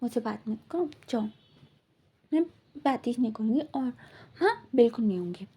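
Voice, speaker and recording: A woman's voice: a little high, lively intonation, normal speed, warm tone, breathy edge. A woman voicing a worried young pregnant wife who insists and scolds in a retold fan story. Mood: insistent.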